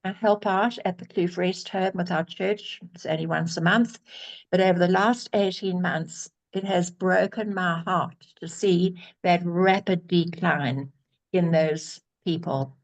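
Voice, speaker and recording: A woman's voice: lowish voice, fairly even intonation, unhurried, low-quality recording. A woman of seventy, telling a personal story earnestly and emphatically over a video call, often restarting her words. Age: 70s. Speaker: guest sharing a testimonial. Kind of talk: personal testimony on a group call.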